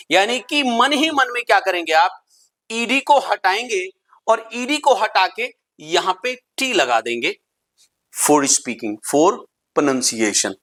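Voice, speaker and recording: In an English pronunciation lesson, a man with a very high-pitched, sharp voice asks questions and answers them himself. He spells words out letter by letter and repeats rules for emphasis.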